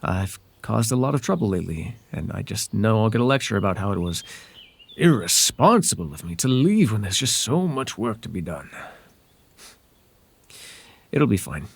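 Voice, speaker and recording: In an intimate ASMR roleplay, a man plays a sly, whimsical fairy man with a husky, creaky voice and a pitch that swings widely. His delivery is heavily acted, at normal speed with long pauses, hesitant and conversational, with a soft possessiveness underneath and a wistful mood.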